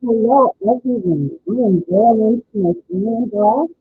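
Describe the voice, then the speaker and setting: A woman's voice: on the high side, measured pace, a little hiss or hum. A woman guest speaker introducing herself on a video call, her voice muffled as if through a wall. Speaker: guest speaker, confidence coach. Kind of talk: livestream self-introduction.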